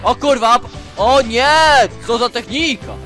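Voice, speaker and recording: Gaming host, man with a very high, tense voice, furious swearing rants over faint game music. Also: a little slow, fairly bright tone. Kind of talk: gameplay commentary.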